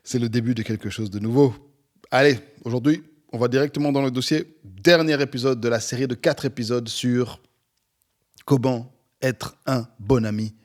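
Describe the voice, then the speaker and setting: Upbeat man in his forties, pastor. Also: medium pitch. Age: 40s. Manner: energetic, upbeat, animated. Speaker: pastor and podcast host. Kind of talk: podcast sermon. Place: at home near an airport, planes passing.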